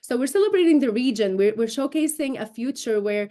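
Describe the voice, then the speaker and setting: A Syrian woman in her thirties, raised in Damascus and a native Arabic speaker, speaks with a slightly high, animated, mellow voice at a fairly quick pace. A broadcast journalist and show host, she is an interview guest on a video call from an indoor room, explaining things emphatically and articulately in a remote news interview.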